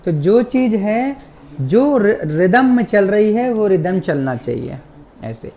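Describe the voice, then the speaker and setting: A massage instructor giving a hands-on class demonstration, with soft, repeated cues and frequent check-ins with the students. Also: mid-range voice, very animated, takes it slowly, a little hiss or hum. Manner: soft, repetitive coaching cues. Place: training academy classroom.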